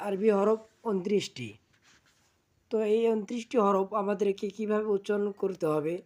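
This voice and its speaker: A woman teaching how to pronounce Arabic letters, slowly, repeating each sound several times. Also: mid-range voice, mellow. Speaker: Quran teacher. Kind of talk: step-by-step pronunciation lesson.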